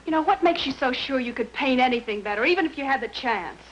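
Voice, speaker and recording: A wisecracking young woman, high-pitched, dry, 1950s TV drama. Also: expressive, fast talker, highs cut off, a little hiss or hum. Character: young woman, flippant, sarcastic girlfriend.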